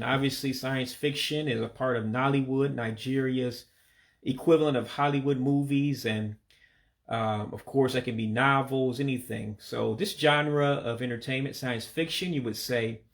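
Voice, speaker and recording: An American man, a native English speaker and language learner, teaches vocabulary in a casual video lesson, slowly repeating words for pronunciation. His voice is medium-pitched and creaky.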